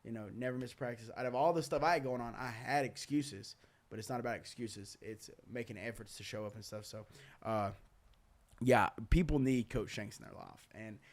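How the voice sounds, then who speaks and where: A man's voice: medium pitch, moderate pace. A young man hosting a podcast, telling his story candidly with lots of "uh" and "man". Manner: earnest, candid, loose talk full of "uh", "man", "dude". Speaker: podcast host.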